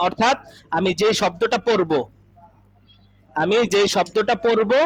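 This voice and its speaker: A male Arabic teacher gives an online class lecture, explaining patiently with everyday examples, repeating phrases and often checking whether students understand. His voice is high-pitched, a bit bright and slightly rough. The recording quality is low.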